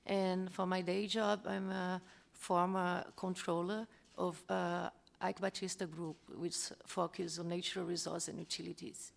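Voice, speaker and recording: A woman giving a halting self-introduction at a round-table meeting. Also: lowish voice, gravelly. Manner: halting, with restarts. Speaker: meeting participant.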